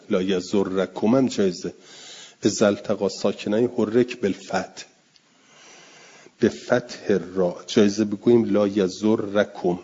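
A husky man gives a classroom lecture, reading a text and explaining it phrase by phrase. He stretches out words he repeats for his students. The recording sounds dull and lo-fi. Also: fairly low pitch, mellow. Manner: reads Arabic phrases then explains them, drawing out repeated words slowly. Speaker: teacher of Arabic grammar and Quran exegesis.

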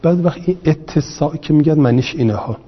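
A man with a husky voice leads a classroom grammar lesson. He works slowly, repeating each term and asking his students rhetorical questions. His voice carries a long reverb on a dull, lo-fi recording. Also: a little high. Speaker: teacher.

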